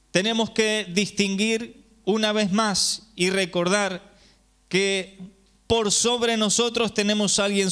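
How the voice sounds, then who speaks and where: High, smooth-voiced preacher. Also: male voice, fairly bright tone. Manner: explanatory, checks in with listeners through frequent rhetorical questions. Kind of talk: sermon teaching. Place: congregation gathering.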